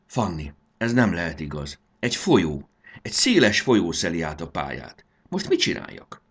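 A man reading aloud and voicing an eager young boy at the wheel, talking in excited exclamations. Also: deep voice, breathy edge, full character voice. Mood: excited, worried.

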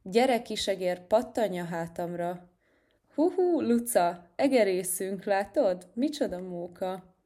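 A woman's voice: lowish voice, warm tone, natural voice. A woman voicing a good-natured, slightly boastful plump boy cat in a children's storybook. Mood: cheerful. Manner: cheerful, a bit boastful.

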